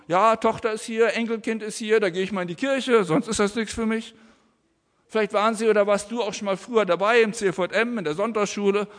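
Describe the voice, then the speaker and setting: A man's voice: high-pitched, fairly bright tone, long reverb tail. A man preaching a family sermon to children and adults in a church, using simple, friendly words for the children. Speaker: pastor.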